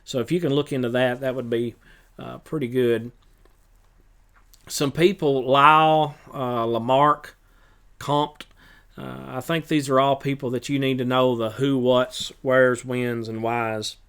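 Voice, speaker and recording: A man with a clear, smooth voice at a middle pitch, talking as a teacher reviewing for a test. He speaks in a relaxed, unhurried way and fills pauses with uhs and ums. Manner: relaxed, with many filler uhs. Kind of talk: recorded review lesson.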